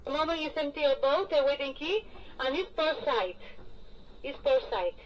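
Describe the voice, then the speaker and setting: A woman's voice: high voice, lively intonation, moderate pace. A woman working as a marina radio operator, heard over a marine VHF radio, giving brief, clipped instructions. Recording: muffled radio speaker with faint hiss.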